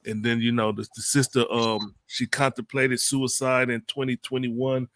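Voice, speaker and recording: A man co-hosting a casual panel talk show who speaks earnestly and haltingly, with lots of fillers. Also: mid-range voice, flat delivery, a bit bright, no echo. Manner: earnest, halting, fills with "you know" and "um". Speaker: panel co-host.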